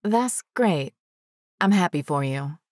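A woman's voice: low voice, animated, slow, a little mellow. A woman voicing a cool, guarded ex-lover. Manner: cool, distant and clipped. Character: guarded woman facing her former partner. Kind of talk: audiobook dialogue.

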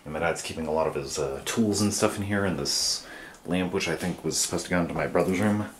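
Speaking fast in a low voice, a young man vlogs a loose, rambling walkthrough of his family's carpeted home, full of fillers. He records on a handheld camera whose built-in mic picks up noisy audio.

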